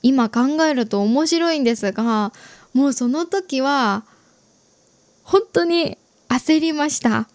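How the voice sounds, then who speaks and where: High-voiced Japanese podcast host woman. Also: takes it slowly, dry recording. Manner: gentle, explanatory, chatty with listener questions. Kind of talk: easy Japanese podcast talk.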